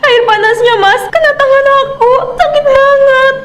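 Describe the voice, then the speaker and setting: A woman's voice: very high-pitched, fairly quick. A woman voicing a vain, complaining young mother and wife in a cartoon. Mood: pained. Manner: whiny and complaining. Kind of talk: cartoon voice acting.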